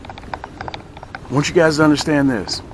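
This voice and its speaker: With a slightly high voice and an unhurried pace, the man hosts a fishing show outdoors amid background noise. He exclaims and repeats phrases for emphasis as he demonstrates and sells his tackle.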